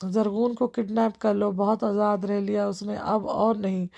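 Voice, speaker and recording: Ruthless male gang boss, read by a woman, curt, gravelly. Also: mid-range voice, level tone, warm tone, highs cut off. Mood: commanding. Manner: curt, commanding. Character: ruthless male crime boss giving orders.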